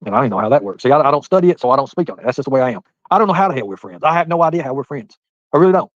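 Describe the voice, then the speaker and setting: A man's voice: medium pitch, lively intonation, rapid-fire, no room sound, highs cut off. A man in his forties chatting on a live stream, rambling and talking straight to his viewers by name. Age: 40s. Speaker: livestreamer reading chat. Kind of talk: casual live-stream chat.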